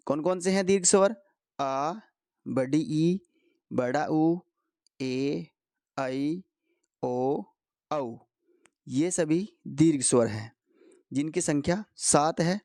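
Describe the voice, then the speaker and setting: Guy teaching hindi grammar, kinda high voice, asks a question then answers it himself, dead dry sound. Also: a little mellow, dry recording. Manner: slow, repeats key answers, asks and answers his own questions. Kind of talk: explanatory lesson for competitive exam students.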